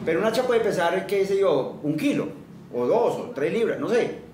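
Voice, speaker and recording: A man preaches, his fairly high voice carrying through a roomy, echoing space from some distance off. He reads scripture aloud, then explains it plainly, asking his listeners questions and having them repeat lines back. Faint background noise sits under his voice. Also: sing-song, moderate pace. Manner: quizzes listeners and leads call-and-response repetition. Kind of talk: interactive sermon teaching.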